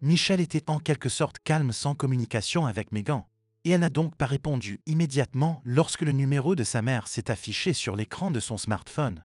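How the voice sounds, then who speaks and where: A man narrating a scripted family drama story in an even, steady reading voice. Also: mid-range voice, a little fast, no room sound. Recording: dry with faint music behind.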